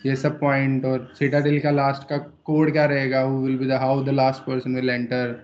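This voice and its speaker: Male student, flat delivery, short listed fragments, muffled audio. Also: medium pitch, a little slow. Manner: lists points in short fragments. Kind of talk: answering in class.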